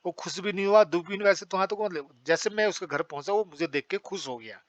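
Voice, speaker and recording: A man's voice: high voice, quick pace, dry recording, highs cut off. A man teaching English in a patient, repetitive lesson, often checking that students understand. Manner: explains patiently, repeats phrases, checks understanding. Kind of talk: spoken English lesson in Hindi.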